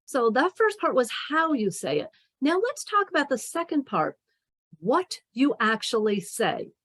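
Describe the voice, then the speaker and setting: Animated New woman coaching. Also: unhurried. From New York. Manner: animated, emphatic, acts out examples with shifting pitch. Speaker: career coach. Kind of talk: webinar presentation. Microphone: video call.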